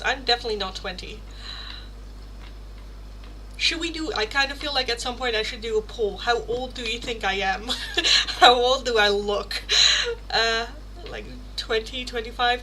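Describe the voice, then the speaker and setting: A woman's voice: mid-range voice, bright, forceful tone, a little hiss or hum, poor audio. A woman in her thirties hosting a casual live stream, chatting with viewers and answering their questions. She jokes about herself, laughs often and swears casually. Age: 30s. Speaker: tarot livestream host.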